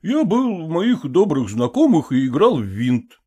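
A man's voice: a little high, wildly swooping pitch, a little slow, warm tone, breathy edge, pitched above the performer's own voice, heavily acted. A man voicing a condescending, evasive professor who soothes and patronizes a jealous woman, reading an audiobook. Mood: patronizing. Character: condescending middle-aged male professor, evasive.

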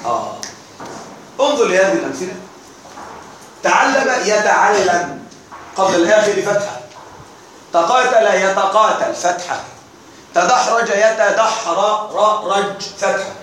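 A man teaches a grammar lesson in a classroom, with a fairly high voice. He keeps quizzing the room and answering his own questions. The recording sounds distant and very echoey, with faint noise underneath. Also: expressive, normal speed, fairly bright tone. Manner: asks the class questions and answers them himself.

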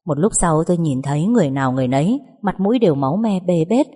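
A woman narrating a dramatic story in the first person, steady and expressive. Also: fairly low pitch, fast. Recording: long hall reverb.

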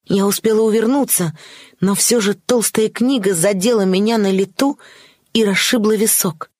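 A woman narrating a classic novel in the first person, steady and expressive. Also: mid-range voice, dry recording, clean studio sound. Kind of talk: audiobook narration.

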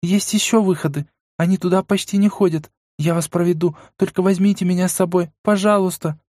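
A man's voice: high-pitched, steady tone, brisk, darkish tone, no room sound, studio quality, pitched above the performer's own voice, close to an everyday voice. Man voicing a frightened, pleading young woman. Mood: frightened, hurried. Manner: pleading, whimpering, tremulous. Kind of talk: audiobook character voice.

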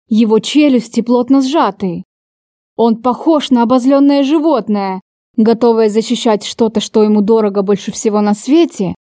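A woman's voice: a little high, mellow, no echo, studio quality. A woman reading a first-person novel aloud with emotional, dramatic delivery. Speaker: audiobook narrator.

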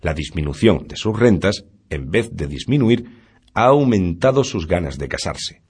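A man narrating a classic novel aloud in a measured storytelling manner. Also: sits low, animated, a little mellow, slightly rough. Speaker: audiobook narrator.

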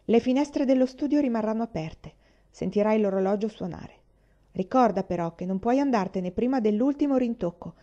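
A woman's voice: fairly high pitch, expressive, normal speed, dark tone, lo-fi sound, close to an everyday voice. A woman reading aloud, voicing a bossy older boy who hands down judgments in a sententious, lecturing way. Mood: stern. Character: bossy older boy, stern self-appointed judge.

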